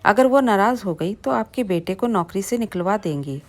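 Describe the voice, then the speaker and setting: A woman's voice: medium pitch, lively intonation, moderate pace, close to an everyday voice. A woman reading as a bossy, heartless young wife. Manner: bossy, curt. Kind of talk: storybook reading.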